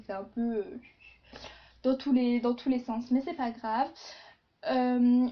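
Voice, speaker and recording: A woman's voice: high-pitched, dull audio. A woman chatting casually in a beauty haul video, with many fillers and asides. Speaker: beauty vlogger.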